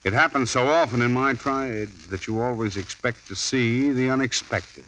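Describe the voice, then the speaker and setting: A man's voice: mid-range voice, normal speed, fairly bright tone, slight background noise, natural voice, rough recording. A man playing a wry hardboiled private detective in a 1950s radio drama, narrating in a dry voice and questioning people.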